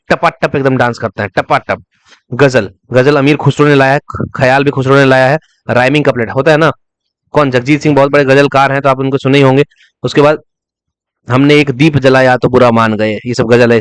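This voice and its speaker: Man, exam revision teacher, rapid delivery, dry close recording, repeats terms for memory. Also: medium pitch, clean tone, dry recording. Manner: repeats key terms as memory tricks, asks and answers his own questions; breaks into short sung snatches to illustrate. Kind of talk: fast revision lecture.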